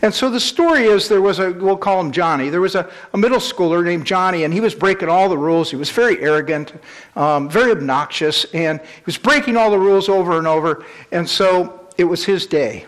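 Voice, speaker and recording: A man preaching a sermon, earnest and storytelling, slowing down for emphasis. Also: high voice.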